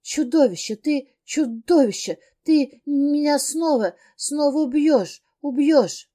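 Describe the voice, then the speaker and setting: A woman's voice: on the high side, expressive, slow pace, darkish tone, voice pushed up. A woman voicing a terrified young woman in an audiobook, screaming and pleading through tears. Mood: screaming in terror.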